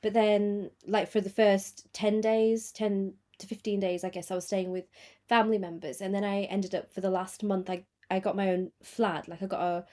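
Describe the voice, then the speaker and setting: A woman's voice: mid-range voice, flat delivery, normal speed, darkish tone. Chatty woman telling her story. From England. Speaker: podcast guest, choreographer in film industry. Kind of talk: casual chat.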